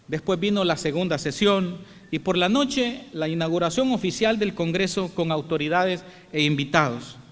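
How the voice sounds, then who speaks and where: A man from El Salvador giving a formal welcome address as president of an international congress, telling the story in a measured, reflective way. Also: high voice. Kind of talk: formal speech. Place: large theatre hall. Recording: long hall reverb.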